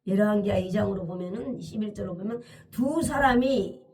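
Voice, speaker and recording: A woman's voice: medium pitch, a little fast, darkish tone, distant mic. A woman preacher telling a scripture story as a dramatic, emphatic sermon, often crying out hallelujah.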